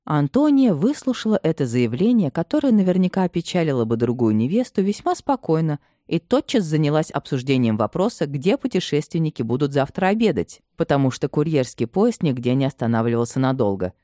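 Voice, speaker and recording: A woman reading a novel aloud as an audiobook narrator, in an expressive, dramatic manner. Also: deep voice, fairly quick, few pauses, no echo, studio quality. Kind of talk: scripted literary narration.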